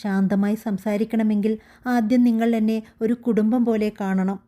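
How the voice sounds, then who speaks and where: A woman voicing a hurt young wife who grows firm, speaking in a quiet, steady way. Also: mid-range voice, normal speed, lightly acted. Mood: resolute. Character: young wife, hurt but growing resolute.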